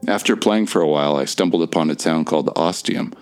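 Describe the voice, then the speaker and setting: A man playing a low-voiced nervous traveler. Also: fast, clear, resonant tone. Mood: earnest. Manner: hesitant, earnest. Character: nervous young man stranded between worlds. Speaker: voice actor in an audio drama. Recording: faint music underneath.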